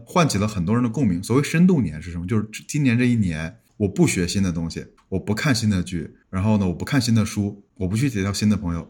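Male podcast guest, fast and a bit husky, thinks out loud with frequent restarts. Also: lowish voice. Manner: musing, often restarts words. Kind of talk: casual podcast chat.

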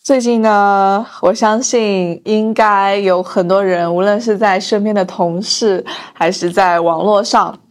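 A woman's voice: mid-range voice, fairly even intonation, a little slow, hardly any pauses. A woman hosting a casual explainer show on Chinese internet slang, quoting catchphrases as she goes.

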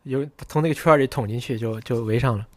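A man's voice: medium pitch, fast talker, dry recording. A young man in his twenties co-hosting a casual podcast, rambling through stories and joking along the way. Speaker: podcast co-host. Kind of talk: casual chat.

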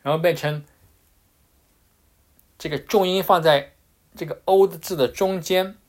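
A man's voice: fairly high pitch, fairly even intonation, measured pace. A man teaching English pronunciation in a casual, patient way, with frequent fillers and restarts. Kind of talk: casual explanatory lesson.

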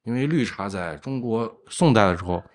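A man's voice: fairly low pitch, animated, fairly quick. A man talking casually as a craft brewer being interviewed, explaining things in an agreeable, affirming way.

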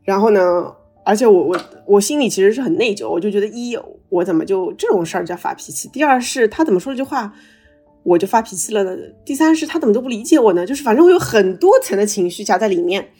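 Podcast host, woman, video call, excitable storyteller with a slight stammer, a bit breathy. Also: mid-range voice, quick pace, faint music behind. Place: travelling abroad, on a video call.

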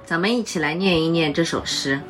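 A woman's voice: deep voice, fairly quick, over music. A woman in her thirties, a mother chatting casually with her child, playfully teasing and coaxing, often breaking into laughter. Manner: coaxing and gently questioning. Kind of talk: casual family chat.

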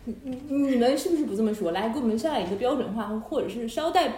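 A woman's voice: on the high side, lively intonation, quick pace, mellow. Chatty laughing woman, echoey room. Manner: chatty, laughs often while explaining. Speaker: podcast host. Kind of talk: casual podcast chat. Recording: roomy echo with faint noise.

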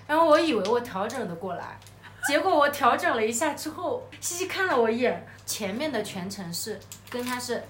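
A woman's voice: on the high side, sing-song, brisk, fairly bright tone. A woman co-hosting a podcast, telling a story in casual chat and laughing often as she goes. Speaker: podcast co-host. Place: hotel room. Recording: echoey room, faint background noise.

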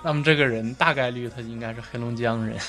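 Faint music plays behind this man's medium-pitched, slightly bright voice, its intonation fairly even. Co-hosting a podcast in a Northeastern Chinese accent, he explains in a relaxed but halting way, frequently circling back to repeat phrases.

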